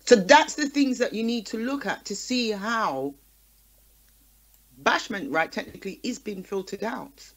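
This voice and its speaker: Animated and unhurried, this mid-range female voice belongs to a radio talk show guest from the UK's Caribbean community. She speaks with passion and emphasis in a conversational discussion, driving her points home with rhetorical questions.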